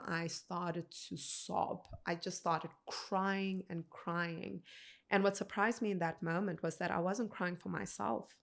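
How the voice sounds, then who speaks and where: Low, gravelly woman telling her story. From South Africa. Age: 30s. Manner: earnest, measured storytelling with quoted dialogue. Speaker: guest. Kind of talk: personal storytelling in a podcast interview.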